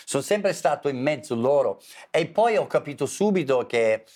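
An English teacher and author, speaking at normal speed in a medium-pitched voice, teaches in Italian during a conversational interview. His manner is lively but halting as he moves back and forth between Italian and English.

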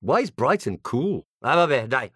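English guy teaching, playful and jokey, slow talker, dry close sound. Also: mid-range voice, sing-song, a bit bright, breathy edge, no echo. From England (Birmingham). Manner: playful, joking asides. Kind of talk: humorous language lesson.

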